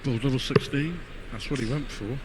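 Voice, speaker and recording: A man's voice: medium pitch, a little fast. A man giving conversational live commentary on a darts match. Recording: clear venue noise behind commentary.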